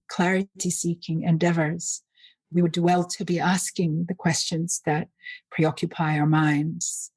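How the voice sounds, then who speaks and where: A woman from Finland who grew up in Nigeria, speaking as a guest author in thoughtful, measured interview talk. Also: fairly low pitch, warm tone, breathy edge, no room sound. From Finland, raised in Nigeria. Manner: thoughtful, measured, with some restarts.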